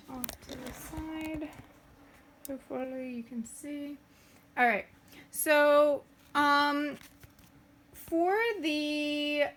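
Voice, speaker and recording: A woman's voice: high-pitched, pushed and bright. A woman hosting a casual sewing tutorial, chatting and using lots of fillers as she talks through each step while she works. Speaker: craft tutorial host.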